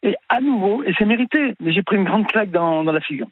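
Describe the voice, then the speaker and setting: A man in his sixties calling in to a radio show, telling his own story in a halting way with many repeats and restarts. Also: high voice, expressive, dry recording. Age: 60s. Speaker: caller. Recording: tinny dry phone line.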